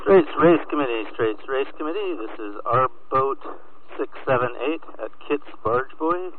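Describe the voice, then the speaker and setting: A man's voice: mid-range voice, expressive, moderate pace. A man on a boat calling in over a crackly two-way radio transmission, repeating call signs in clipped, formal radio procedure. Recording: crackly narrow-band radio with static.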